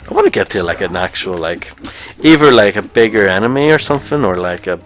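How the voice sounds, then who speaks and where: Talking fast and very animated, a man with a lowish but fairly bright voice jokes wryly while co-hosting a game stream. It's casual chatter over gameplay, backed by video game music.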